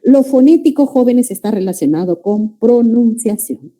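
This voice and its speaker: A woman giving a pre-university language lecture, often checking in with her students with a quick "ya?" or "no?". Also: fairly high pitch, expressive, dark tone. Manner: calls students "jóvenes", checks understanding with frequent "¿ya?" and "¿no?". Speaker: language teacher.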